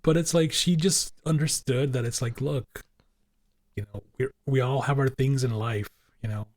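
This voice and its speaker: A man's voice: mid-range voice, moderate pace, darkish tone, no room sound. A man co-hosting a casual podcast, rambling and filling his talk with "you know" and repeated words. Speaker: podcast co-host.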